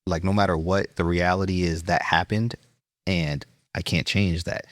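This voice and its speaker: A man's voice: sits low, steady tone, normal speed, no echo, studio quality. A man with a New York accent, a chef being interviewed, telling his story earnestly with fillers and restarts. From Brooklyn. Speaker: chef, guest.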